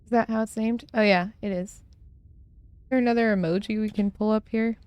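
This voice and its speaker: A woman's voice: medium pitch, fairly even intonation, fairly quick, a little mellow, smooth, no echo. A young woman streaming from home and chatting casually on a close desk mic, rambling with lots of fillers and frequent laughs. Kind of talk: casual chat while gaming.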